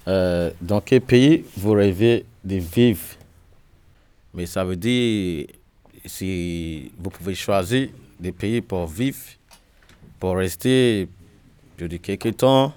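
A man's voice: low voice, slow pace, darkish tone, clear, resonant tone. A man from Nigeria asking questions in a group, hesitant and often restarting his sentences. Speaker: interviewer. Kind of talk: casual interview in a group.

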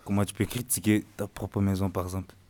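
Earnest man with a lowish voice. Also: flat delivery, quick pace, warm tone. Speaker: discussion participant. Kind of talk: casual group discussion.

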